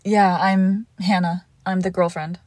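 A young woman playing a devoted girlfriend who nurses her sick partner, coaxing and protective, often dropping to a hush. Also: on the low side, level tone, a little slow, no echo, natural voice. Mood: soothing. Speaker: audio roleplay performer. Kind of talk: audio roleplay addressed to the listener.

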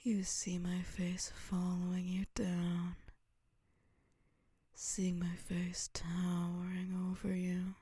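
A woman whispering a slow ASMR hypnosis roleplay, drawing out coaxing commands. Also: fairly low pitch, completely flat delivery, dark tone, breathy edge, dry recording.

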